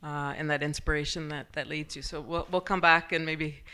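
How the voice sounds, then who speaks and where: A man's voice: a little high, steady tone, moderate pace, sharp tone, clean tone. A man moderating a panel, giving encouraging remarks and handing over to speakers. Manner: encouraging, brief hand-offs.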